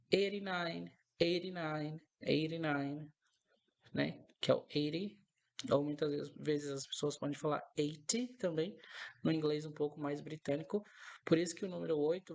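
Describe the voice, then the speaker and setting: A man's voice: a little high, vocal fry, darkish tone. A man teaching an English lesson, explaining step by step and patiently repeating each example several times. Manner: explains step by step, often checks in with "né?". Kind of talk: recorded language lesson.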